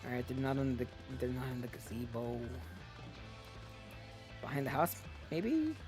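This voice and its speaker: A man's voice: medium pitch, very animated, normal speed, music in the background. A man streaming a video game, chatting casually in a rambling way and swearing often.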